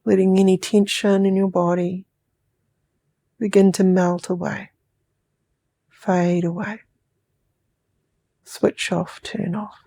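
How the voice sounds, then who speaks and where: A woman from New Zealand, by her accent, talks a listener toward sleep through hypnosis, drawing her soothing words out slowly and sometimes whispering. Her delivery is flat, in a mid-range voice with a dark tone.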